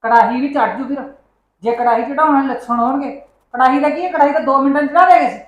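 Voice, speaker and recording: A woman's voice: mid-range voice, normal speed, natural voice. A woman playing a mother who coaxes and counsels her son, sometimes firmly. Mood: coaxing. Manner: coaxing, motherly, rising to firm scolding. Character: middle-aged mother, calm then firm with her son. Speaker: mother in a short film. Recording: echoey room.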